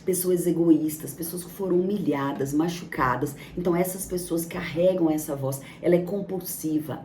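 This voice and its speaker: A woman coaches her listeners in a self-help talk, hammering points home with lists and rhetorical questions. Her voice sits low and mellow. She is recorded a little away from the mic in a roomy, echoing space with faint ambience behind. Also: far from the mic, a little hiss or hum. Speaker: motivational coach.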